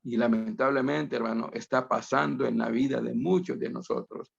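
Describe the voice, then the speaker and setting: A man's voice: mid-range voice, steady tone, moderate pace, creaky, breathy edge. A man from Honduras preaching a sermon over a video call, emphatic and repetitive, often addressing his listeners as brothers. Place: home, on a virtual meeting. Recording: dull lo-fi video call audio.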